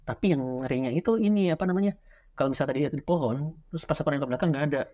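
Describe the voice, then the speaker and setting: A man's voice: a little high, dull audio. A young man, a horror writer recounting a childhood scare in casual podcast chat. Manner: animated storyteller, quick and loose. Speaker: guest, horror story writer.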